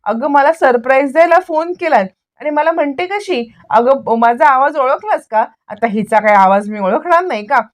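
A woman's voice: high-pitched, lively intonation, moderate pace, hardly any pauses. A woman voicing an affectionate, teasing older matriarch in a chatty way.

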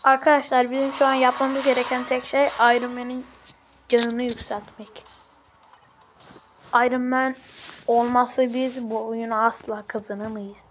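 Young woman, gaming commentary, high-pitched, excitable, slangy, shouts at the screen. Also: a little slow, slight background noise, poor audio. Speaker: gaming channel host. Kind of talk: let's play commentary.

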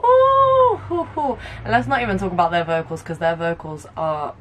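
A young woman hosting a casual music video reaction, talking in an excitable, gushing way. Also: on the low side, fast, a little hiss or hum. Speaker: reaction vlogger.

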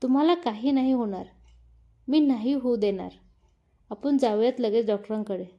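A woman's voice: a little high, moderate pace, mellow, natural voice. A woman voicing a young husband who speaks urgently and earnestly. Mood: worried. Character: young husband, worried and protective.

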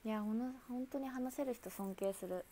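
A woman's voice: a little high, normal speed, dark tone, slight background noise. A woman idol chatting casually with viewers on a livestream, talkative and laughing often.

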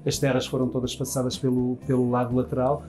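In his restaurant's dining room, a fifty-something manager with a European Portuguese accent responds at length to an interviewer, hands moving as he restarts phrase after phrase. His dark, medium-pitched voice is completely flat and fast, set against soft background music.

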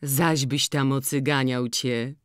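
A woman voicing an old farmer who talks slowly and deliberately. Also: fairly even intonation, smooth, no room sound, studio quality. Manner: slow, measured, low-key.

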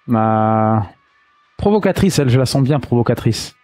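A man's voice: medium pitch, expressive, normal speed, a little mellow, soft background music. A man hosting a let's play, talking casually and slangily to viewers while musing aloud. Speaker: gaming let's play host. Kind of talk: casual game commentary addressed to viewers.

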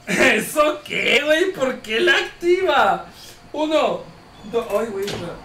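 Tipsy, rowdy streamer. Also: male voice, very high-pitched, big pitch swings, unhurried, distant mic, a crowd in the background. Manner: crude, joking, loud outbursts. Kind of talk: casual game streaming, translating game text aloud. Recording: echoey room with background noise, off-mic.

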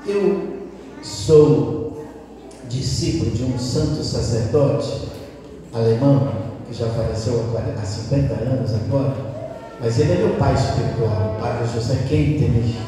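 An older Brazilian priest preaching a sermon, telling stories and acting out both sides of conversations. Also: male voice, medium pitch, measured pace, crowd noise. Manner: storytelling, acts out dialogue with shifting voices. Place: large church. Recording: very echoey church hall, from far off. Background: congregation.

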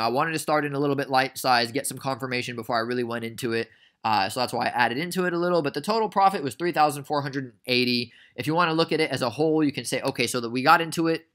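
A man's voice: medium pitch, bright, forceful tone. A young man casually recapping a stock trade for beginners, chatty and prone to rambling tangents. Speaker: trading educator.

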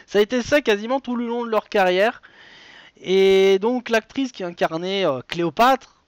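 A man's voice: high voice, normal speed, smooth, no room sound. A man hosting a live web quiz show, chatty and digressive, reading questions and wandering into side stories with many fillers.

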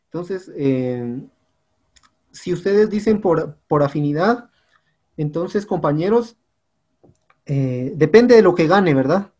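A man's voice: on the high side, animated, takes it slowly, long pauses, a little mellow. A male teacher, patiently walking his students through an online class platform and often checking in with them. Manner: patient, repeats "compañeros" and "¿sí?" often.

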